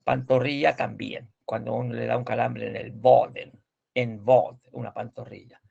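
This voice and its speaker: A man teaching a language class, slowly explaining pronunciation, repeating words and correcting his students. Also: medium pitch, little pitch movement, gravelly, mellow, husky, lo-fi sound. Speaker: Swedish teacher.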